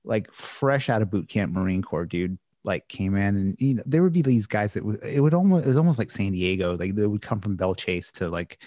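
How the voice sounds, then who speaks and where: A man's voice: on the low side, expressive, brisk, hardly any pauses, mellow, no room sound, clean studio sound. A man in a casual podcast roundtable, telling anecdotes in a chatty way with lots of fillers. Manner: chatty storyteller, many fillers.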